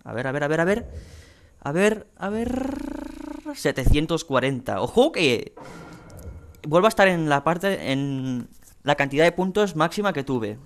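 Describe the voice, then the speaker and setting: A man's voice: fairly high pitch, expressive, normal speed, a little hiss or hum. A man with a Spain Spanish accent casually commentating his own online fighting game matches, chatty and swearing freely. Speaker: gaming channel host.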